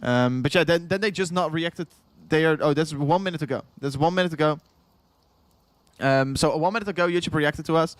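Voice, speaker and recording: He's a young Dutchman hosting a lengthy crypto livestream, his accented voice fairly high and fairly quick on a dry recording. Tired from hours on air, he chats loosely, circling back over the same points, chuckling a lot and reading viewers' comments out loud.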